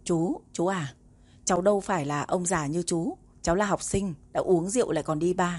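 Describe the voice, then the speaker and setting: A woman narrator voicing a cheeky young female student who coaxes and flatters in an audiobook. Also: lowish voice, fairly quick, husky. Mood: awkward. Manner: wheedling, playful.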